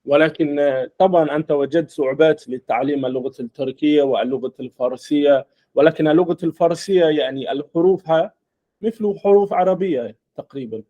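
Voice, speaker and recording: A man interviewing a guest, asking short, simple questions slowly. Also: fairly high pitch, warm tone, lo-fi sound. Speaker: interviewer, channel host. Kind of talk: interview in formal Arabic.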